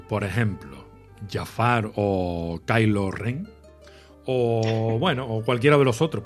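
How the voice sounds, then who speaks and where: A man hosting an interview, talkative and full of hedges, laughing between remarks. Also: medium pitch. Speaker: host, also an ad voice-over artist. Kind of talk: casual interview chat.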